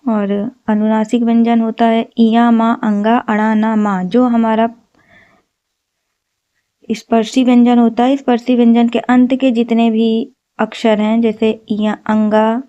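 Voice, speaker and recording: A woman's voice: a little high, little pitch movement, measured pace, mellow, clean tone. A woman teaching an exam-prep lesson, explaining step by step and repeating key terms. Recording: slightly dull lo-fi recording.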